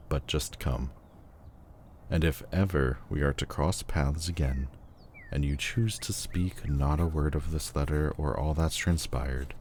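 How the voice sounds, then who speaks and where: A man playing a lovelorn lord general, voicing a farewell letter in a formal, slow, yearning way in an audio roleplay. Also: rumbling low, mellow, a little hiss or hum.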